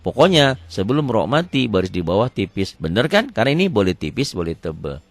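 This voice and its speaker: A man's voice: lowish voice, very animated, brisk, no echo. A man teaching recitation rules, patiently repeating each rule and drawing out example words. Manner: asks questions and answers them himself. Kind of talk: recorded lesson on Quran recitation rules.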